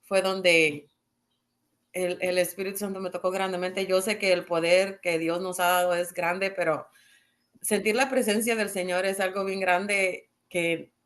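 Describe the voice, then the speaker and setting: A woman's voice: on the low side, little pitch movement, unhurried, fairly bright tone. A woman, a church member, sharing a personal testimony earnestly and searching for words.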